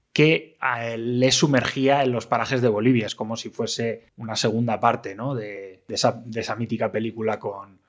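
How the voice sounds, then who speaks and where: A man hosting a film podcast, speaking in a measured way with hesitations. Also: mid-range voice. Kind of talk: casual film discussion.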